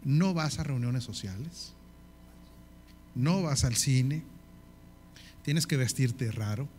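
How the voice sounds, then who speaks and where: Northern Mexican man preaching, faint rumble. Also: animated, slow, darkish tone. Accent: northern Mexican Spanish. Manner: asks the audience often, lists in repeated phrases. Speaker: apostle teaching a leadership course. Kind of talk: sermon-style teaching.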